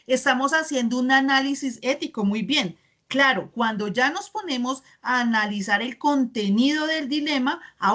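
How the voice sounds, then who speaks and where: A woman teaches a class over a video call, her voice sitting a bit higher than most. She reads student comments aloud from the chat and keeps checking that everyone follows with quick tag questions. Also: fairly bright tone.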